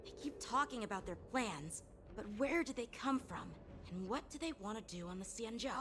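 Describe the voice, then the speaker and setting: A woman's voice: on the high side, animated, moderate pace, slight background noise, natural voice. A woman voicing a level-headed, inquisitive young adventuring companion in a video game. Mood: wary, questioning.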